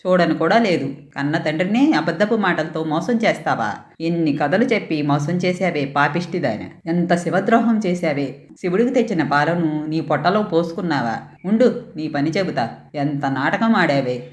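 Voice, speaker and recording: A woman's voice: deep voice, expressive, moderate pace, roomy sound. A woman storyteller voicing a stern, angry, devout father who scolds and threatens his daughter. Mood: furious.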